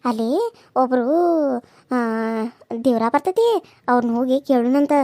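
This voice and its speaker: A woman's voice: sits high, normal speed, dark tone, no echo, lightly acted. A woman voicing a caring older village woman who comforts and advises. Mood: reassuring. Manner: soothing, bossy-kind, reassuring. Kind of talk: cartoon serial voice acting.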